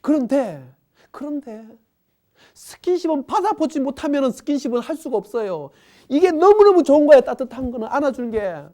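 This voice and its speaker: A woman's voice: a little high, mellow. A middle-aged woman giving a parenting lecture, acting out the people she describes as she talks.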